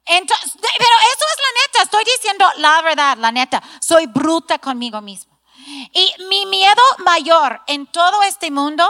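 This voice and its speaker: High-voiced woman preaching earnestly. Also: very animated, moderate pace, pushed and bright, in a large hall. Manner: earnest, self-deprecating, emphatic preaching. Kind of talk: sermon to a women's gathering. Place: church hall.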